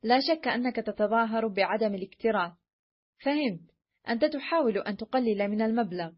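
A woman's voice: on the high side, brisk, husky. A woman reading a sly, cunning adventurer man. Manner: sly, pressing. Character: cunning male Highland adventurer, bold and sly. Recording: dull lo-fi recording.

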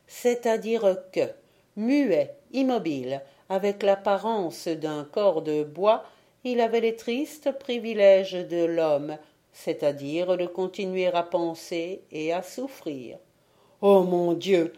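A woman reading a classic tale aloud as an audiobook narrator, measured and expressive. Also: on the low side. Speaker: audiobook reader. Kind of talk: storybook narration.

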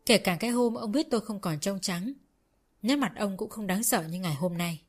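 Female storyteller, steady first-person narration. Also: mid-range voice, moderate pace.

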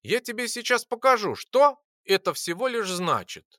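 A narrator voicing a calm, ironic male alchemist who lectures patiently in an audiobook. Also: high-pitched, moderate pace, no echo, clean studio sound, pitched above the performer's own voice, heavily acted. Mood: wry. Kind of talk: audiobook character voice.

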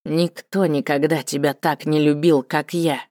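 A woman's voice: steady tone, measured pace, darkish tone, dry recording, studio quality. Woman voicing a bitter vengeful cat-lord. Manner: cold, low and hissing with hatred. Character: bitter vengeful male cat-folk lord, middle-aged.

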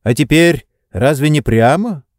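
A man reading an audiobook, voicing an anxious, impatient young gentleman. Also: on the high side, animated, a little slow, no echo, clean studio sound, pitched above the performer's own voice. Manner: nervous, impatient.

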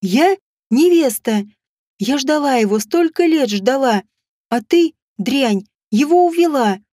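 A woman voicing a jealous, vicious non-human bride who snarls and shouts with scorn. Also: high voice, expressive, slow pace, no echo, studio quality, heavily acted. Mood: bitter. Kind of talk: audiobook character voice.

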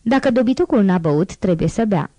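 A woman's voice: mid-range voice, animated, dry recording, close to an everyday voice. A woman voicing a harsh, scolding female innkeeper who talks down to a servant girl. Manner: sharp, bossy and contemptuous.

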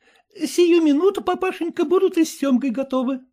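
A man's voice: very high voice, brisk, mellow, voice pushed up. A man voicing a young wife who is flustered and apologetic while serving pancakes to quarrelling relatives.

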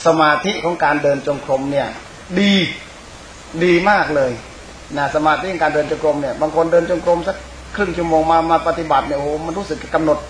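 A man's voice: a little high, fairly bright tone. A man, a Buddhist monk and teacher, giving an informal Dhamma sermon in a conversational, rambling way, speaking directly to his listeners. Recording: echoey room, clear background hiss.

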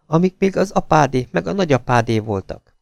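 A man voicing a jealous, scheming young woman who pleads and wheedles, in a gravelly voice. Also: mid-range voice, animated, darkish tone, no echo, voice pushed up. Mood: wheedling.

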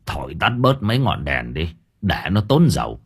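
A man voicing a gruff, irritable older village husband who snaps curtly in an audio story. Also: low-pitched, very animated, normal speed, pitched below the performer's own voice, exaggerated voice. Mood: gruff irritated. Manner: curt, snapping.

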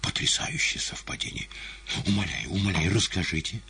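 A man puts on a jittery, soft-spoken male patient in an audiobook, fussy and easily alarmed. His husky voice, raised above the reader's own deep register, swings up and down, and often sinks to a pleading whisper. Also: very animated, normal speed, full character voice. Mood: excited. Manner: anxious, pleading, drops to a whisper. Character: nervous, gentle, fastidious male hospital patient.

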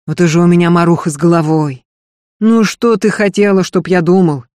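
A man's voice: high-pitched, steady tone, a little fast, a little mellow, no room sound, natural voice. Man reading as a cheeky young thief, slangy, coaxing, dry close sound. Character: cheeky young male thief, escaped convict. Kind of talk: audiobook reading.

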